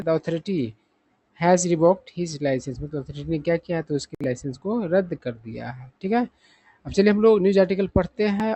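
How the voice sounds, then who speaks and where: Male English tutor explaining vocabulary in Hindi, a bit high-pitched, dry close recording, answers his own questions. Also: dark tone, no room sound. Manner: repeats "ठीक है ना" as a check-in; poses questions and answers them himself. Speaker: English teacher.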